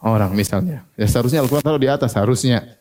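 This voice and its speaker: Mellow-voiced preacher posing questions. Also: male voice, medium pitch, rapid-fire. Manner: asks the audience questions and answers them himself. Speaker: Islamic preacher. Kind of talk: religious lecture.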